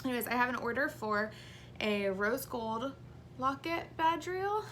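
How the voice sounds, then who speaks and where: A woman's voice: on the high side, unhurried, a bit bright, slight background noise. A woman in her thirties, heavily pregnant and short of breath, giving a casual hands-on craft tutorial to camera. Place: small indoor craft room.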